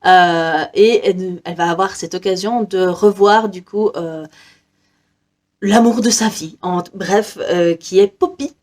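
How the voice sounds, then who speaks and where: A woman's voice: lowish voice, measured pace, a little mellow. A young woman from Belgium chatting casually about her reading list, hesitant with many fillers and frequent small laughs. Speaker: book vlogger. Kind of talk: casual book haul chat.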